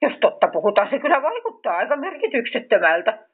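A kind storybook creature offers gentle encouragement and questions, played by a woman reading aloud. The voice sits a little high and moves a lot. It sounds thin, as over a phone. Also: big pitch swings, husky, narrow, tinny audio. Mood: encouraging.

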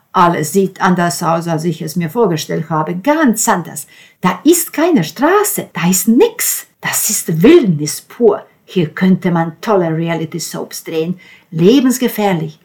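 Woman doing an overexcited middle-aged producer dad, loud, higher pitched, gushing; audiobook figure. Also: sing-song, slow pace, full character voice. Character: excited middle-aged male TV producer, doting father.

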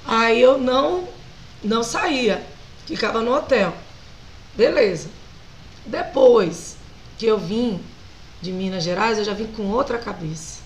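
Brazilian woman singer, Brazilian accent, a touch high-pitched; lively guest recounting her early career. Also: a little slow, pauses often, slight background noise, poor audio. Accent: Brazilian Portuguese. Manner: animated, laughs often while telling stories. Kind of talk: casual storytelling interview.

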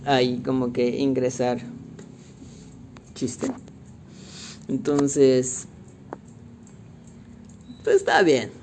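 A young man with a Mexican accent, casually recapping a movie in slangy, animated talk and acting out the quotes. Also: mid-range voice, drawn-out words, long pauses, a little hiss or hum. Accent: Mexican Spanish.

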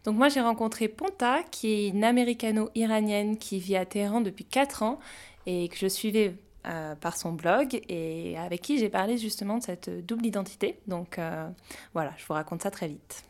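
A woman's voice: medium pitch, moderate pace, a little mellow. Chatty woman podcast reporter. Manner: chatty with frequent hesitations. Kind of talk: casual podcast narration.

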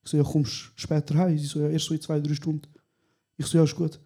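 Husky Swiss German man, higher voice. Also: quick pace. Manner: animated storyteller, says 'Bro' often. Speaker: podcast co-host. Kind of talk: casual chat recorded live. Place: small venue, live recording.

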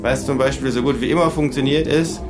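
A man doing a smug deadpan kangaroo. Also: mid-range voice, brisk, loud music behind the voice, pitched above the performer's own voice, natural voice. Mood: dry, lecturing. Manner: dry, lecturing, deadpan. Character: smug know-it-all male kangaroo. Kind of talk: comic audiobook reading.

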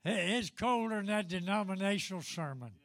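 A man's voice: sits high, animated, fairly quick, fairly bright tone, no room sound. An elderly man preaching a fervent Pentecostal-style sermon in an emphatic, repetitive, folksy way. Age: 70s or older.

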